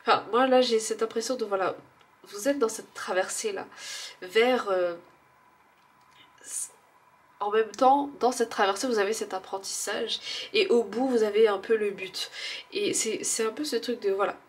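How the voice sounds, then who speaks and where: A woman with a stuffy nose doing a casual oracle card reading, musing and hesitant, with frequent fillers and soft laughs at herself. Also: mid-range voice, normal speed, long pauses.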